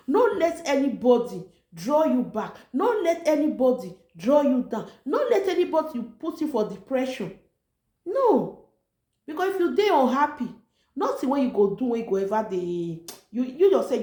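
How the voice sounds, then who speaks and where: A woman with a Nigerian accent, her voice on the high side with a darkish tone, speaks Nigerian Pidgin in an informal motivational talk. As an online motivational vlogger, she exhorts emphatically and repeats herself for effect. The room is echoey.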